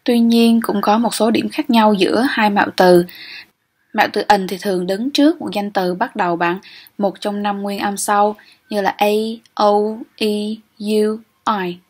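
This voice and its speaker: Young woman, breathy voice, grammar teacher, steady lecture, checks in with "ok?". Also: mid-range voice, measured pace. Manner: explains step by step, often checks with "ok?". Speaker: English teacher. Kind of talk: exam-prep grammar lecture.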